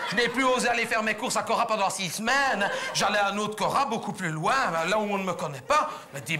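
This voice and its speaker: A man's voice: sits high, background noise. A man with a Belgian French accent playing a naive, gossipy middle-aged housewife in a chatty, indignant stand-up monologue on a theatre stage. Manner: chatty, indignant, breathless storytelling. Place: theatre stage before live audience.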